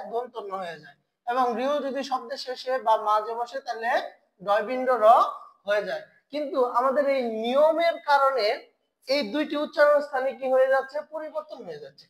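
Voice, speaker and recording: A woman teaching Korean pronunciation in an online lesson, asking questions and then answering them herself, and repeating key sounds slowly for her learners. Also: high voice, low-quality recording.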